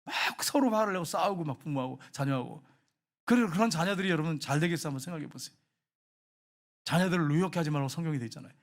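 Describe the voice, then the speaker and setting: A man preaching a sermon as pastor, emphatic, repeating phrases and swinging from loud appeals to quiet asides. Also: on the high side, fast. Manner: emphatic, repeats phrases, rises and drops sharply.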